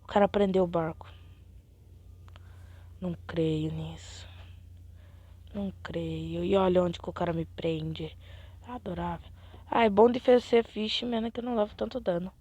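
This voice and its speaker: A young woman chatting excitedly to viewers as she plays a game, sometimes dropping into a whisper. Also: medium pitch, brisk. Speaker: gaming channel host. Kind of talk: casual gameplay commentary.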